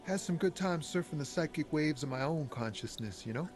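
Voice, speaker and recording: A mellow, drawling drifter, played by an actor in a video game, easygoing and rambling, a former druggie who calls everyone man. Clear game music and rain run behind him. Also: a little high, lively intonation, brisk, lightly acted. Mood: laid-back.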